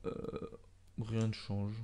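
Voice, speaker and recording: A young man commentating his own soccer video game match, swinging from calm musing to loud excited shouts when the action heats up. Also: lowish voice, takes it slowly, clear, resonant tone. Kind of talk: excited let's-play commentary.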